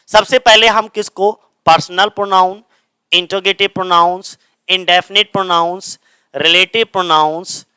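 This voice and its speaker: A man's voice: high voice, fairly even intonation, normal speed, sharp tone, clean tone, dry recording. A male teacher giving a grammar lesson, who keeps asking questions and answering them himself and repeats the key words. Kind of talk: grammar lesson explaining in Hindi.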